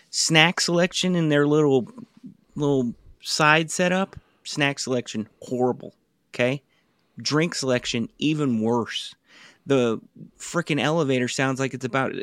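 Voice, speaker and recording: A man's voice: medium pitch, fairly even intonation, a little slow, fairly bright tone, no echo, close to an everyday voice. A man putting on a brash Italian-American guy with an Italian-American accent, scolding listeners about a bad hotel and asking "okay?" again and again. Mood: indignant. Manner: blustery, scolding, keeps demanding "okay?".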